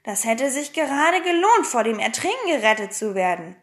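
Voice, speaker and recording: Brief: hoarse cheeky girl adventurer for a storybook, read by a woman, high, bouncy, playful. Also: sing-song, moderate pace. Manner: boastful, playful. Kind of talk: audiobook reading.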